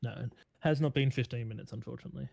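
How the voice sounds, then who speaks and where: A man's voice: medium pitch, very fast, creaky, dark tone, dry recording. A man narrating a tabletop role-playing game as game master.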